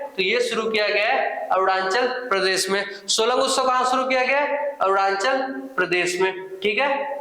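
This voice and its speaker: Bright high-voiced man teaching, echoey room. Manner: question-and-answer drilling, repeats answers; informal asides and jokes. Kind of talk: current affairs quiz lesson.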